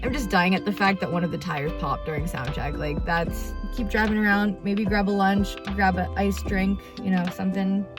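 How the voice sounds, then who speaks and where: A woman's voice: medium pitch, steady tone, normal speed, few pauses, music in the background. A woman spilling gossip in a casual, confiding vlog manner, with dramatic emphasis. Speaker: vlogger, freelance musician.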